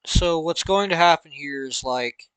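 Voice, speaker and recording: A man's voice: fairly high pitch, a little slow, a bit bright, smooth, no echo. A man with a Southern US accent talking through logic notation in a casual, thinking-aloud tutorial with chuckling asides. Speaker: math logic streamer. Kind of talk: casual screen-recorded tutorial.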